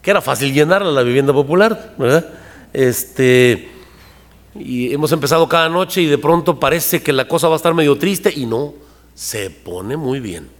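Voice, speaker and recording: A man's voice: a little high, lively intonation, moderate pace, big-room sound. A man preaching a sermon to his congregation, talking conversationally and asking them rhetorical questions. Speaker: pastor. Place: church hall.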